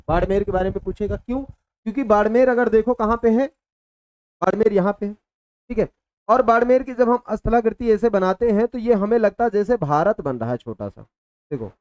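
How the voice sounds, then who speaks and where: A man with a high, slightly mellow voice teaches a live online exam-prep class in a casual, repetitive way. He calls students "beta" and "bhai" and responds to viewers' chat messages.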